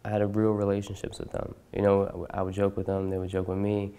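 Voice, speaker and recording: A man in his twenties from Brooklyn, New York, reflecting with halting restarts in a documentary interview. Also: sits low, monotone, warm tone, clean tone. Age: 20s. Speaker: former student interviewee.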